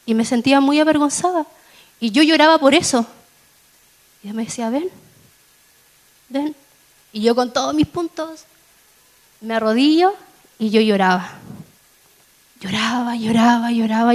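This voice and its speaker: Woman preaching her testimony in church, fairly high voice, slow and emotional, goes quiet then swells up. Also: rough recording. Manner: slow, emotional storytelling with soft low passages and sudden raised peaks. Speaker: church speaker giving testimony. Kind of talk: sermon testimony.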